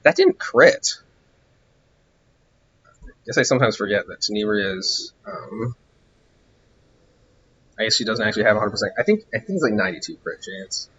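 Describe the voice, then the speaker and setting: A man streaming a game, rambling distractedly through casual commentary while he grows hoarse and loses his voice. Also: fairly low pitch, expressive, brisk, long pauses, bright, forceful tone, highs cut off, a little hiss or hum. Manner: rambling, distracted, musing aloud.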